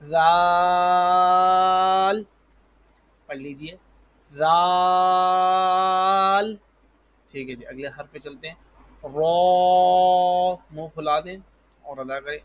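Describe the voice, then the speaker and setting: A man teaching the alphabet for Quran reading, calling out each letter slowly and loudly, then explaining calmly and patiently. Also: a little high, slightly rough. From Pakistan. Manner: patient, repeats "ji" and "parh lijiye". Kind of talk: alphabet lesson.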